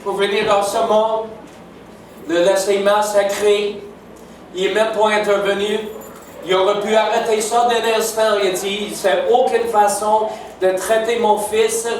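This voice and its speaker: An older English Canadian man, a native English speaker, preaches a sermon in French as a guest preacher in a church sanctuary. His voice is high, with little pitch movement and a measured pace. He is warm and emphatic and keeps checking in with "n'est-ce pas?", picked up from far off in an echoey hall with slight background noise.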